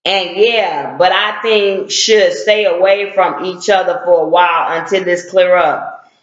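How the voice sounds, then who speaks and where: Middle-aged activist man ranting hard on camera, blunt and slangy, bright forceful high voice, echoey dull recording. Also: steady tone, a little slow. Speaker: civil rights activist. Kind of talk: heated online rant.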